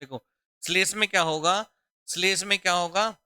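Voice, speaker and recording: A man with a very bright, crisp, high-set voice teaches an exam-prep grammar lesson. He talks in a deliberate, drawn-out way and keeps asking the class questions and answering them himself. The sound is close and dry. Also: no echo. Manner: repeats questions to students, calling them "beta" and "bachchon". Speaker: Hindi teacher.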